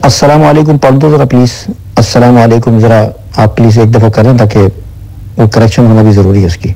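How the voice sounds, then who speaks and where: A man in a recorded voice message, speaking slowly and correcting someone's pronunciation. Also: mid-range voice, steady tone, warm tone, low-quality recording. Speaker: opponent in voice messages.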